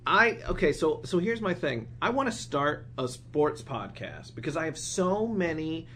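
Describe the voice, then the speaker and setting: A man chatting on a podcast, joking and laughing between lines. His pitch swings wildly from low mutters to high yelps. A faint hiss sits under the recording. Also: unhurried. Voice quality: laughs often, jokey and animated. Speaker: podcast co-host. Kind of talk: casual chat.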